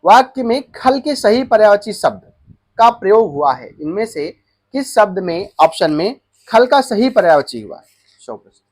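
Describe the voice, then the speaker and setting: Young male exam tutor, high voice, repeats answers and checks in with the class. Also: big pitch swings, moderate pace, darkish tone. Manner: explains answers by repeating them and checking in with students. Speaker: exam coaching teacher. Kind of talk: Hindi exam-prep lesson.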